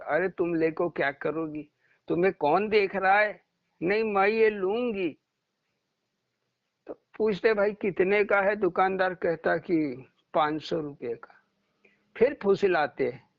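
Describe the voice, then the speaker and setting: High-pitched guy giving a slow devotional talk, muffled dry lo-fi sound. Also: gravelly, no room sound. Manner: storytelling, acting out quoted dialogue. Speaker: spiritual teacher. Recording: muffled lo-fi recording.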